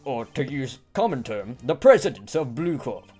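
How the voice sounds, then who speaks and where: A man voicing a pompous, long-winded male company boss in a fan reading of a game script, talking slowly in fussy, grand words. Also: mid-range voice, sing-song, warm tone, breathy edge, soft background music. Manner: slow, grandiose, fussy wording.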